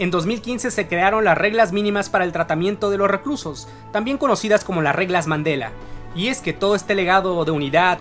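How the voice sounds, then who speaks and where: An explainer host tells a history lesson in a steady, earnest narration at a middle pitch. The host now and then turns to the viewer with direct questions. Soft music plays faintly underneath. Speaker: host of an educational channel. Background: faint background music.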